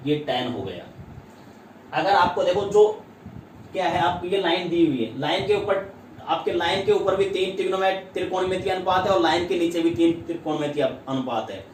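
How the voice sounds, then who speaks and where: A man's voice: on the high side, a little hiss or hum. A man teaching maths in a Hindi-accented classroom lesson, who repeats terms and keeps asking rhetorical questions. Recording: echoey room, voice from far off.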